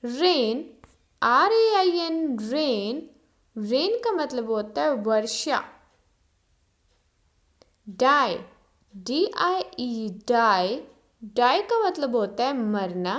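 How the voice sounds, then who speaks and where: A woman's voice: sits high, sing-song, drawn-out words, pauses often. A woman teaching English vocabulary, saying each word, spelling it out letter by letter and giving its meaning. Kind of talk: slow vocabulary drill.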